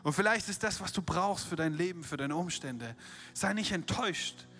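A man preaching a sermon, retelling a Bible story with lively acted-out quotes and direct rhetorical questions to the listener. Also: high voice, normal speed, faint music behind.

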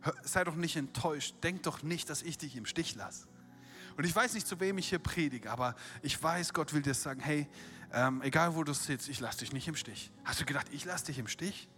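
Animated, bright-voiced male preacher. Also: on the high side, moderate pace, faint music behind. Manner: animated storytelling, acting out quotes, rhetorical questions. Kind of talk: sermon.

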